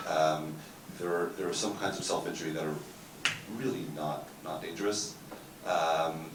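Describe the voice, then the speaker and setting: On a therapy panel, a very deep-voiced man answers a question haltingly, with many fillers and restarts. He is picked up from a distance in an echoing conference room, with clear background noise behind him.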